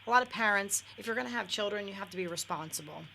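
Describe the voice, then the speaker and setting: On a radio talk show, a middle-aged female guest talks frankly, full of fillers and restarts. Her medium-pitched voice is fast, gravelly, bright and forceful, heard through a low-quality studio recording with slight background noise.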